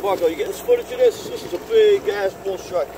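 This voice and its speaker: A man on a fishing boat at night, excitedly calling out instructions to his crew. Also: high-pitched, quick pace. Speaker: angler on a fishing trip. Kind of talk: excited casual talk while fishing. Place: open boat deck at sea at night. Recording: loud boat and water noise.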